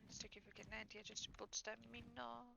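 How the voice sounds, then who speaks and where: A woman's voice: on the high side, level tone, a little fast, creaky. A woman giving casual commentary while playing a survival game, tired and yawning, rambling and correcting herself with many fillers. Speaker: gaming streamer. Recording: dull lo-fi mic with faint noise.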